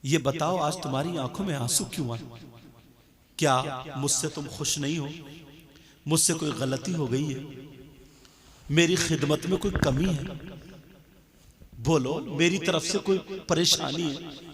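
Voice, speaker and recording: A man's voice: fairly high pitch, a little slow, long pauses, crowd noise, lightly acted. A tender pious young wife, as a preacher quotes her. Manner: pleading, tender. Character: devoted poor young wife, gentle and pious. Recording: music bed under the voice.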